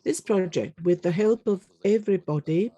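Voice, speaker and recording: Rendering a panel discussion into English simultaneously, this conference interpreter halts frequently, filling gaps with fillers and pauses. Mid-range and mellow, the voice carries no echo.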